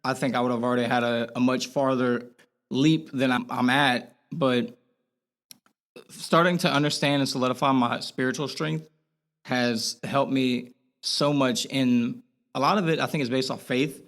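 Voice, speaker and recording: A young man with a Boston accent, a podcast guest talking candidly in a halting way, with many restarts. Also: medium pitch, steady tone, a bit bright. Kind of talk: casual podcast interview.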